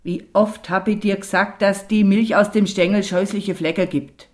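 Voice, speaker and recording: A woman's voice: sits low, animated, brisk. A woman voicing a bitter village mother. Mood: bitter scolding. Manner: sharp, scolding, resentful. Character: bitter, weary rural mother, middle-aged woman. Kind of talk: audiobook character voice.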